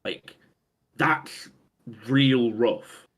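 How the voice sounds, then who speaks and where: A man's voice: medium pitch, extremely slow, a bit bright. A man co-hosting a casual tabletop game talk, trading dry, sarcastic remarks. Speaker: podcast co-host.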